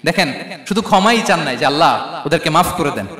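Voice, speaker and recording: An Islamic preacher delivers a passionate Bengali waz sermon on a large event-hall stage, calling questions out to the crowd. His fairly high, sharp, animated voice moves fairly quickly, and the hall's long reverb echoes around it.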